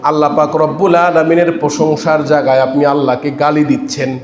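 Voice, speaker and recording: Male preacher, Bangladeshi accent, animated sermon with call-and-response, reverberant PA sound. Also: on the high side, brisk. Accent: Bangladeshi Bengali. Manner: lively storytelling, prompting audience responses. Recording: echoey PA sound at a religious gathering.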